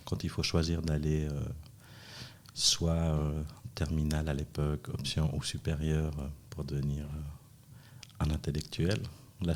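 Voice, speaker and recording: In a bass voice with a slightly mellow quality, a middle-aged podcast guest who founded a dance school talks casually, cracking self-deprecating jokes. He's Chilean-born and grew up in Switzerland from age five.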